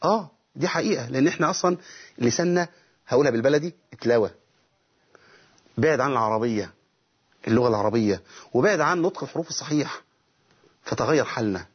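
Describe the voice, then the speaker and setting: An animated, fast-talking middle-aged man with an Egyptian accent teaches Quran recitation rules on TV, with long pauses in his husky, medium-pitched voice. He asks himself questions, answers them, and stops to recite demonstration verses, all through a muffled recording.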